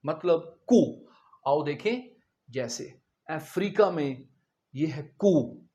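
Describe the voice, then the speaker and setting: A man teaches vocabulary at an unhurried, measured pace. He spells each word out letter by letter, explains its meaning plainly, and keeps quizzing his students as he goes. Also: high-pitched. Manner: spells words letter by letter and explains them simply; addresses the students directly with questions. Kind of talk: vocabulary lesson.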